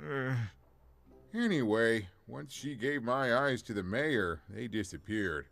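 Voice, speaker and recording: An actor playing a clumsy, apologetic giant in a video game, hesitant and stammering. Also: male voice, medium pitch, lively intonation, slow, vocal fry, a bit bright, faint music behind, exaggerated voice. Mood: rueful, chatty. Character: clumsy, apologetic, gentle giant missing most of his eyes. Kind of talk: video game character acting.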